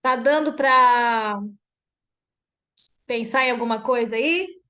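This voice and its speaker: Lively, higher-voiced woman mentor. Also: takes it slowly. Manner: lively, acts out example dialogues. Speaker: workshop mentor. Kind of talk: online group mentoring.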